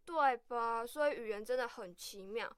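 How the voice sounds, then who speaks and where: A woman's voice: on the high side, normal speed, smooth, no room sound, studio quality. A young woman with a Taiwanese Mandarin accent co-hosting a scripted radio chat, cheerful and leading the talk with questions. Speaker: radio co-host. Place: radio studio.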